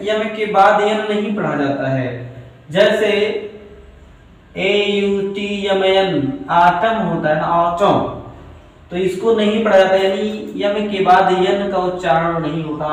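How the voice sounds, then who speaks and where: Male grammar teacher, high voice, very echoey room, mic far away. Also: a little hiss or hum. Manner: slow, repeats phrases word by word, mixes English into explanations. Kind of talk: classroom lesson. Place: classroom with a board.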